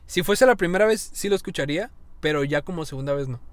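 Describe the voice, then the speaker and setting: Young Mexican male podcast co-host, slightly high voice, loose and profane banter. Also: lively intonation, fast talker, dry recording. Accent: Mexican Spanish. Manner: loose, joking, swears freely. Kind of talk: casual chat.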